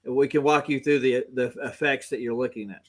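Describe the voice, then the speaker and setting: A man's voice: mid-range voice, steady tone, a little fast. A man in a casual discussion, explaining his points conversationally.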